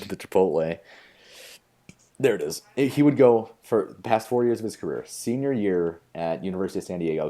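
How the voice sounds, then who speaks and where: A man's voice: low-pitched, warm tone. A young man co-hosting a podcast, chatting eagerly about baseball with lots of fillers. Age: young adult. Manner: enthusiastic, rambling baseball talk with many fillers. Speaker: podcast co-host. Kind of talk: casual chat.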